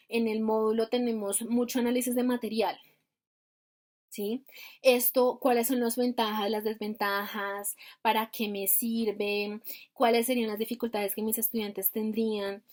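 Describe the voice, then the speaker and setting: A woman's voice: a little high, fairly even intonation, normal speed, darkish tone. A woman teaching grammar over a video call, explaining step by step and asking rhetorical questions. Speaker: grammar instructor.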